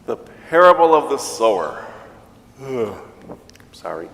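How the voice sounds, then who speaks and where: A man, a priest, reading the gospel and preaching at mass in a slow, measured way, his voice ringing with a cathedral echo in a large church. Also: mid-range voice, sing-song, fairly bright tone. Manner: slow, measured liturgical delivery.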